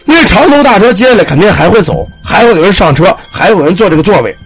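A man voicing a weary old village herbal doctor who keeps the local temple, speaking gravely and slowly. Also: high-pitched, big pitch swings, soft background music. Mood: instructing.

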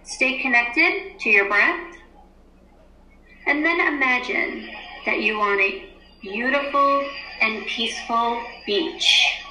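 A woman teacher leading a calm guided grounding and breathing exercise, giving soothing, unhurried instructions with long pauses. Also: fairly high pitch. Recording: roomy, echoey indoor sound.

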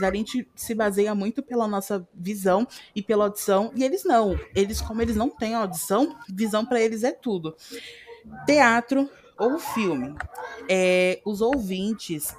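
A woman with a Brazilian Portuguese accent hosting a podcast, explaining in a casual, animated way and often correcting herself mid-sentence. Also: on the high side. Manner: animated, self-correcting, acts out quotes. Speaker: podcast host.

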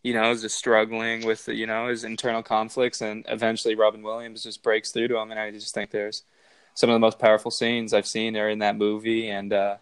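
A young man co-hosting a podcast, talking about films in a relaxed, rambling way. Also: on the low side, fairly quick, clear, resonant tone, no echo, rough recording. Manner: relaxed, rambling, with fillers and restarts. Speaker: podcast co-host. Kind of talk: casual movie chat.

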